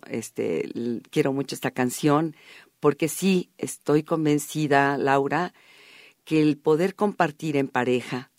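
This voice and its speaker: A woman's voice: rumbling low, dry recording, clean studio sound. A middle-aged woman with a Mexican accent, recalling family memories as a radio guest, full of fillers. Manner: warm storytelling, frequent fillers "este" and "esto". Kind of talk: reminiscing interview talk.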